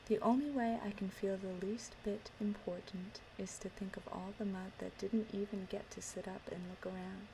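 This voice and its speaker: A woman whispering softly and breathily in a gentle, deliberate ASMR style, close to the microphone. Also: mid-range voice, steady tone, noisy background. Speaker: ASMR performer. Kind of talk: whispered ASMR, reciting and chatting. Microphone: close microphone, ear to ear.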